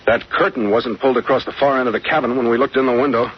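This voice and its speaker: Laconic captain male actor, 1940s radio serial: steady, dry humour, mid-range voice, dull faintly noisy vintage sound. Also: medium pitch, racing, natural voice. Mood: dry suspicion. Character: calm, dry-witted adventurer captain, unflappable hero. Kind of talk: 1940s radio adventure acting.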